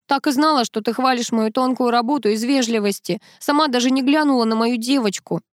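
A woman's voice: fairly high pitch, a little fast, no room sound, clean studio sound, voice pushed up, lightly acted. Woman reading as a whiny, tearful woman guest. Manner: whiny, sniffling, pleading. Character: tearful touchy woman guest, doll maker.

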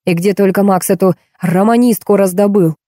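A grumbling, scornful man who has had a glass too many, picking at everything in a raised, sour voice, as a woman reads him in an audiobook. The tone is mellow and dark, and the recording is close and dry. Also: mid-range voice, normal speed, no room sound, natural voice. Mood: irritated. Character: irritable tipsy middle-aged man, grumbling.

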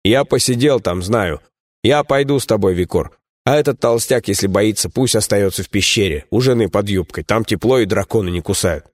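A man's voice: lowish voice, brisk, no echo, studio quality, close to an everyday voice. A man doing a sly boozy young rogue. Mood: teasing. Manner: teasing, sly.

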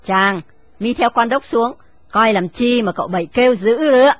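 A woman's voice: on the high side, moderate pace, no echo, close to an everyday voice. A woman voicing an imperious old lady of the house who gives irritated commands to servants. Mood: commanding.

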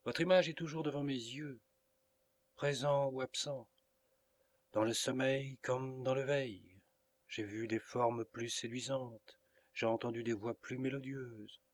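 A man's voice: mid-range voice, steady tone, a little slow, natural voice. A man reading the lines of an earnest young woman in love, in a pleading, emotional audiobook reading. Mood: tender.

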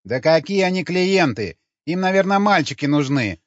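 A man's voice: on the high side, measured pace, dry recording, muffled recording, voice pushed up, lightly acted. A man voicing a rude, toothless young woman working as a prostitute in an audiobook. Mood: sulky. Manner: crude, mocking.

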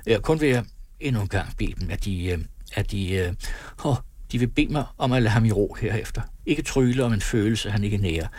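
A man as an earnest old bear of a gentleman. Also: on the low side, no room sound, lightly acted. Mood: hesitant. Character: older man, gruff but well-meaning, earnest.

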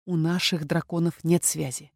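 A woman's voice: low voice, little pitch movement, moderate pace, a little mellow, no room sound. Woman doing a scared young dragoness girl, pleading, alarmed, dry sound. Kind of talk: audiobook character voice.

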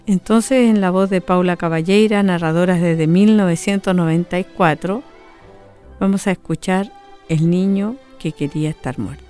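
A woman's voice: fairly low pitch, normal speed, dark tone, soft background music. Woman radio host. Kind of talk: radio presenting.

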